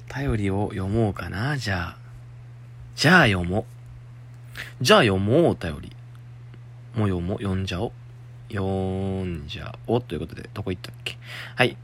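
A man's voice: deep voice, fairly bright tone. A young man with a Kansai accent, hosting a solo talk show and chatting about a listener's letter in a rambling way. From Shiga, Japan. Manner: chatty, muttering to himself, laughing. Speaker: podcast host.

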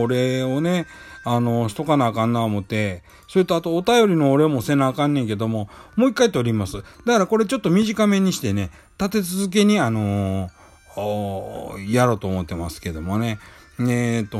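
A man's voice: mid-range voice, darkish tone. A man with a Kansai accent hosting a casual solo talk show, rambling with many fillers and restarts. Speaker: podcast host. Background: faint background music.

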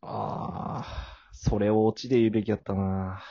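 A man's voice: on the low side, fairly even intonation, measured pace, warm tone, no room sound, lo-fi sound. A man co-hosting a casual podcast chat, confessing sheepishly and putting himself down, then flaring up. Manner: sheepish, self-deprecating confessing that flares into indignation. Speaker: podcast co-host.

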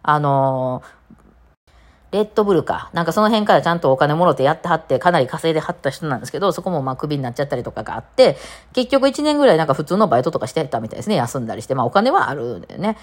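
A woman with a Kansai accent hosting a casual solo podcast chat, telling stories with chatty, lively asides. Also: low voice, rapid-fire. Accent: Kansai Japanese. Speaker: podcast host.

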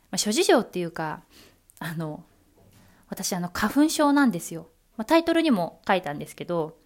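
A woman's voice: mid-range voice, a little mellow. A woman who works as an announcer, hosting her own solo talk episode in a chatty, playful way full of fillers and asides. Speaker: announcer and podcast host.

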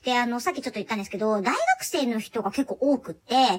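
A young woman telling a funny story from her job in a chatty, animated way, laughing often. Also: fairly high pitch, very fast, breathy edge. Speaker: live chat performer telling a work story. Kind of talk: casual solo talk radio storytelling.

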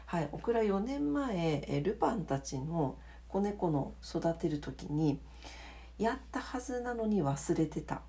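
Casual solo radio host, female, lowish voice with very animated intonation; polite, chatty, gently self-mocking. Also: unhurried. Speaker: solo audio diary host, radio-DJ style greeting. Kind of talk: casual late-night solo chat.

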